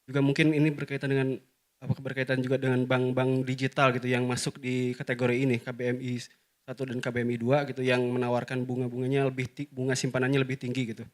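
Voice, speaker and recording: A male reporter asking long questions at a press conference, hesitant with many filler pauses. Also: mid-range voice, monotone. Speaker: newspaper reporter.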